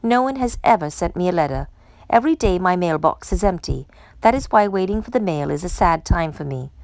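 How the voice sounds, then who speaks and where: A woman's voice: lowish voice, expressive, fairly quick, darkish tone, no echo, low-quality recording. Woman reading as a fussy, emphatic storybook toad. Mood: glum. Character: fussy, self-conscious, gloomy male toad.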